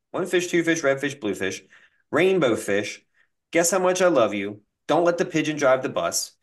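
A man hosting a casual podcast, reading listener comments aloud and reeling off long lists with laughs. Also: on the high side. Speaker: podcast host.

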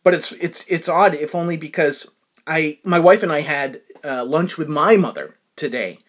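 A man's voice: on the high side, moderate pace. A man telling a personal anecdote in a casual, rambling way, full of restarts and asides to his listeners. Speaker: storyteller.

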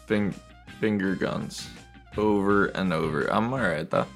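A very deep-voiced man co-hosting a casual podcast. His voice is gravelly, and he delivers low-key, dry, teasing remarks. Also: unhurried, faint music behind. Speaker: podcast co-host. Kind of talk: casual chat.

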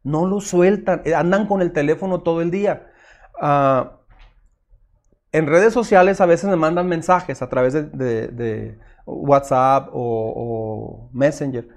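High-voiced pastor preaching. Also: male voice, slow. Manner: earnest, direct, addresses listeners as usted, acts out their objections. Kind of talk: sermon.

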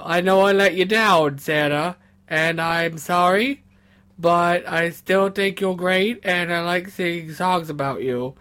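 A man's voice: high-pitched, fairly bright tone. A man voicing a sad, tipsy, sweet-natured troll who rambles and stammers through apologies on a comedic phone call.

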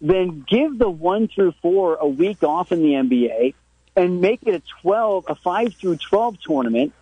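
A man's voice: high voice, expressive, slightly rough, no echo. A man arguing a sports point over the phone on a radio show, often stumbling and repeating words. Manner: halting, repeats words as he argues. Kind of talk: sports debate on call-in radio. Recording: muffled phone line.

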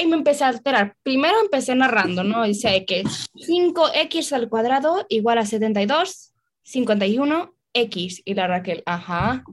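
A woman chatting animatedly as a podcast co-host, laughing and mixing in English. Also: fairly high pitch. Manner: animated, laughing, switches between Spanish and English. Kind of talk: casual chat.

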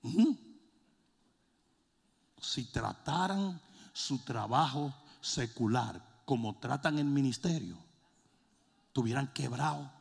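A man preaching a sermon, joking and shouting in turns. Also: mid-range voice, slow pace, creaky, pauses often, breathy edge. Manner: animated, jokey, swings between shouting and mimicking. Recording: long hall reverb.

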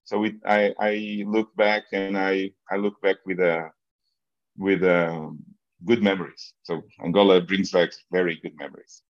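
A middle-aged football business executive with a Portuguese accent recalls personal memories as an interview guest, answering conversationally in halting English and repeating words while searching for phrasing. His voice sits low with a flat delivery, recorded in an echoey room with dull lo-fi sound.

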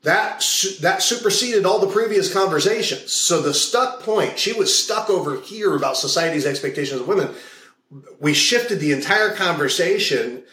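A man's voice: high voice, expressive, normal speed, pushed and bright, roomy sound, rough recording. A man being interviewed as a values coach, explaining ideas through long stories and repeating key phrases. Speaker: guest, hypnotist and values coach. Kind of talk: casual interview talk with anecdotes.

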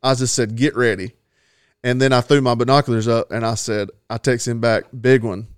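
A man's voice: mid-range voice, flat delivery, a little fast, clean tone, dry recording, clean studio sound. A man telling a long hunting story in a rambling, folksy way, laughing at himself now and then. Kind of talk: casual storytelling.

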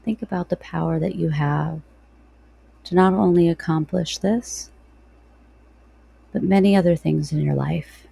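Soft, slow woman guiding meditation, dark voice. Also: on the low side, steady tone, gravelly, slightly rough, no echo. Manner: soft, slow, soothing delivery with long pauses. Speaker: podcast host. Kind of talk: guided breathing meditation.

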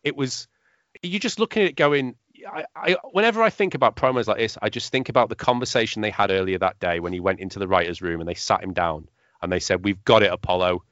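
A man co-hosting a podcast in casual chat, wry and animated as he tells stories. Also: fairly low pitch, quick pace, no room sound. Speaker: podcast co-host. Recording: dry, slightly muffled.

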